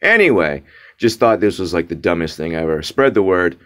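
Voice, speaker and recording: A young man vents to the camera in a low, expressive, smooth voice at a moderate pace. As a vlogger on a casual rant, he comes across as exasperated and mocking, frequently restarting, using fillers, and repeating words for emphasis.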